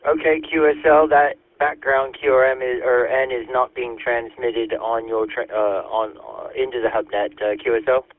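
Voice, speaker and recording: A man's voice: mid-range voice, flat delivery, moderate pace, hardly any pauses, no echo. Friendly man running a radio net. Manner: friendly and upbeat, using call-sign codes. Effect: heard over a two-way radio link. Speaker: amateur radio net controller. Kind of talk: radio net chat with operator jargon. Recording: dry, phone-like radio audio.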